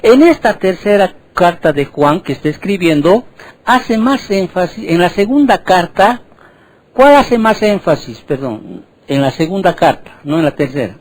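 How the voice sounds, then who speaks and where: A man's voice: high-pitched, expressive, unhurried, no echo, low-quality recording. A man preaching a sermon as pastor, asking the congregation frequent questions and repeating words as he teaches.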